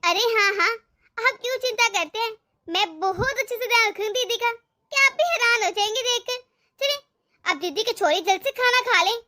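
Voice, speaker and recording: A scheming young wife in an animated story, as a woman voices her, griping with sarcasm in a very high, piercing voice. The tone is bright and cutting, every complaint dripping with resentment. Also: normal speed. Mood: sweetly false. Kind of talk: animated cartoon voice acting.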